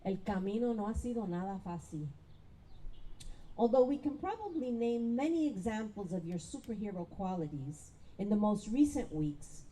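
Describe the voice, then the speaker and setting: A woman school principal delivers a heartfelt, emotional speech into a podium microphone at a graduation ceremony. Her mid-range voice has a dark tone, and the audio is poor.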